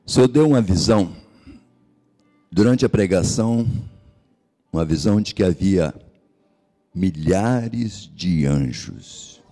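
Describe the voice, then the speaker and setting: A man's voice: sits low, lively intonation, slow pace, pauses often, warm tone, faint music behind. A man from Espírito Santo with a Capixaba Brazilian accent, preaching an impassioned sermon as pastor and asking the congregation rhetorical questions. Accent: Capixaba Brazilian Portuguese.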